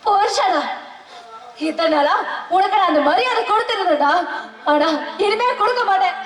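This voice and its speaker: Actress playing a defiant wronged wife on stage. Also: female voice, extremely high pitch, expressive, normal speed. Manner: emotional, rising to fierce defiance. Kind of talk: Tamil village stage drama. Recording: echoey open-air stage with live music.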